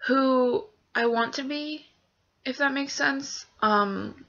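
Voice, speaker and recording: Frank, creaky young woman venting. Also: high voice, slow, pushed and bright. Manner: frank, profane, full of fillers. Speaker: vlogger. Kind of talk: venting vlog. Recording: dull lo-fi webcam audio.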